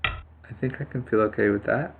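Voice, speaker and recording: A man's voice: on the low side, moderate pace, gravelly, narrow, tinny audio, slight background noise. A man casually commenting live on his own Go game, thinking aloud with many fillers and restarts. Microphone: computer mic on a screen capture.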